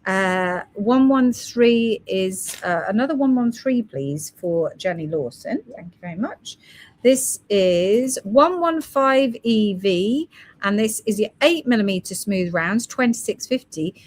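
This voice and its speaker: Hosting a live stream that sells gemstone beads, a woman chats casually while reading out product codes and prices. Her mid-range voice is expressive and unhurried.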